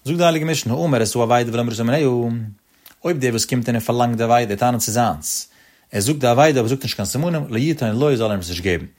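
Guy w/ ish doing a talmud lesson, sing-song, talks fast. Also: medium pitch, a little mellow. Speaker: Talmud teacher. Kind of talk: Talmud lecture.

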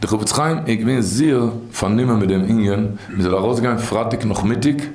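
A man telling a rabbinic tale in a rambling way, with many restarts and repeats, dropping low and then rising. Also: fairly quick, darkish tone. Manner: rambling, many restarts and repeats, swings between low murmurs and high bursts. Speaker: storyteller. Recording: roomy echo.

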